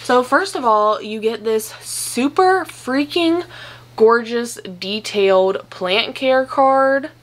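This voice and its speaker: A young woman at home chatting casually through an unboxing, gushing and excitable, swearing now and then. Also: a little high, slow pace. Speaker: plant vlogger.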